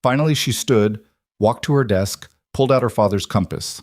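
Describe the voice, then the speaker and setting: Measured, low-voiced male narrator. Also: no room sound, studio quality. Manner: measured, terse, deadpan. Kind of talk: scripted story narration.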